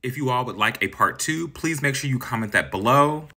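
Working indoors in front of a green screen, a video creator in his thirties breezily runs through facts in his vlog, dramatic and chatty with gossipy side comments. His mid-range voice is animated, brisk, pushed and bright.

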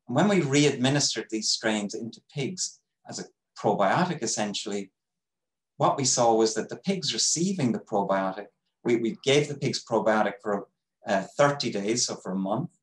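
A man giving an academic webinar lecture over a video call, explaining in a measured way with frequent pauses. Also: fairly low pitch, animated, roomy sound, poor audio. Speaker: microbiology professor giving a webinar talk.

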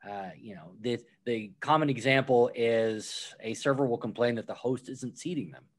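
A mid-range male voice at normal speed belongs to the author of a restaurant management book, interviewed on a relaxed podcast. He explains his ideas through step-by-step examples, voicing the quoted responses himself.

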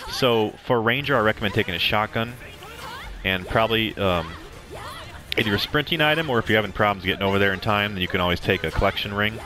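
Over game music, this young gameplay commentator talks through a walkthrough in a lowish voice with lively intonation and a quick pace. His commentary is casual and rambling, with plenty of ums and restarts.

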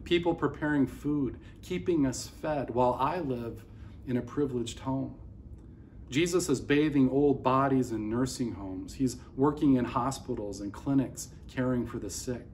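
A man's voice: medium pitch, a little mellow, a little hiss or hum. A middle-aged man, a pastor, preaching an earnest sermon to a camera at close range in an indoor room. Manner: earnest, gestures with open hands while preaching. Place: indoors by a large window facing office towers.

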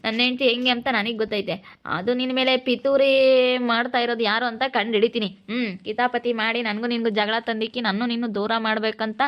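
Woman doing a protective husband, firm and soothing, fairly high voice, dull lo-fi audio. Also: steady tone, normal speed, lightly acted. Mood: firm reassuring. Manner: firm, reassuring, threatening toward rivals. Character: protective husband comforting his wife. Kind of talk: village family drama acting. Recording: dull lo-fi recording.

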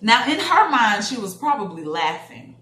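A woman's voice: fairly high pitch, moderate pace. A woman in her thirties, a parent, telling a personal story in a casual vlog and acting out the people in it. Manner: animated, acting out quoted voices with laughs. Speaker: parent vlogger. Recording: echoey room, faint background noise.

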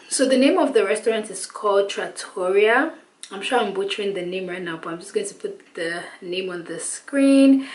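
Young girl rambling thru a vlog at home, like like like, kinda echoey room. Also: mid-range voice. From Nigeria. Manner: chatty, rambling, heavy on "like". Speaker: vlogger. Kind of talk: casual vlog talk to camera. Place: at home, indoors.

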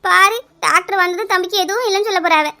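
A kindly village neighbour woman in a cartoon comedy, voiced by a woman, speaking with a Kanyakumari Tamil accent. Her voice is very high and bright, and she soothes and reassures. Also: quick pace, full character voice. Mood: soothing.

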